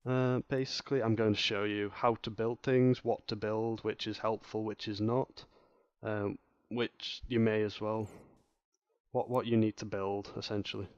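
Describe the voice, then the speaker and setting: A man's voice: fairly low pitch, level tone, measured pace, a little mellow, clean tone, no room sound, dull audio. Rambling male gaming tutorial host. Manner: rambling, hesitant, many fillers and restarts. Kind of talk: casual gameplay tutorial commentary.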